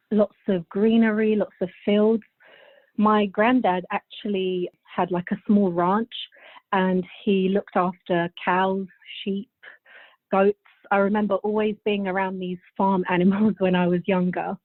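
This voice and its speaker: A woman's voice: medium pitch, fairly even intonation, unhurried, no room sound. Woman, 30s, from Bulgaria, podcast guest, chatty, rambling, tinny phone-like line. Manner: chatty, laughs often, loose rambling answers. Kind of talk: casual interview answers.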